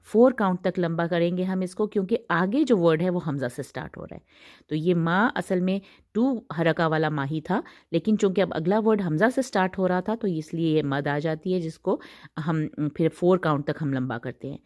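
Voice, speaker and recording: A woman teaching Quran recitation rules, explaining patiently and stretching the recited words out slowly. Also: on the low side, a little mellow.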